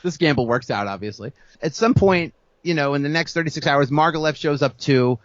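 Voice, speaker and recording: A man co-hosting a podcast, telling a music-history story in a casual, animated way, acting out the people he quotes and laughing often. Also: a little high, a little fast, no echo, lo-fi sound. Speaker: podcast co-host.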